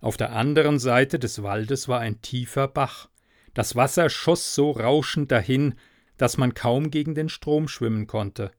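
Man, narrator, fairy tale reading, calm even delivery, mid pitch, close mic, dry recording. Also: measured pace, no echo.

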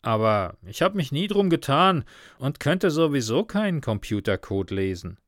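A brash young man talks in a raised, loud, bantering way, his voice pitched above the narrator's own. He is a friend who jokes one moment and worries the next, as a male narrator puts him on for a read-aloud story. The sound is close and dry. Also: very animated, normal speed, no room sound, lightly acted. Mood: worried.

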